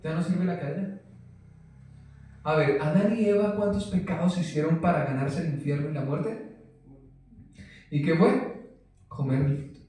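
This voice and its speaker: A man's voice: fairly high pitch, normal speed, long pauses, dark tone. A man preaching a Bible study, asking rhetorical questions and answering them himself with emphasis. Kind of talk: sermon. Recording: very echoey room, distant mic.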